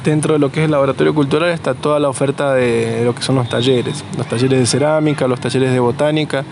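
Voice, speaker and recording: An Argentine man being interviewed outdoors, talking in a relaxed, rambling way with fillers and restarts. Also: mid-range voice, fast, creaky, noisy background. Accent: Argentine Spanish. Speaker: interviewee, nursery co-founder. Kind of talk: casual conversational interview.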